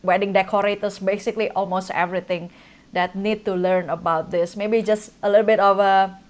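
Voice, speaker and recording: Woman host, effusive and eager, mid-pitched everyday voice. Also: fairly even intonation, fairly quick. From Indonesia. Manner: effusive, enthusiastic, hesitant phrasing. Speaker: podcast host. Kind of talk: casual interview conversation.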